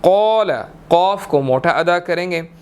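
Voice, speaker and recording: Young male recitation teacher, patient explaining, smooth resonant voice, high-pitched. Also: expressive, darkish tone. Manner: patient step-by-step explaining, often checking in with "okay"; drawn-out melodic chanting when reciting verses. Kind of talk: tajweed lesson, recites a verse slowly then explains it.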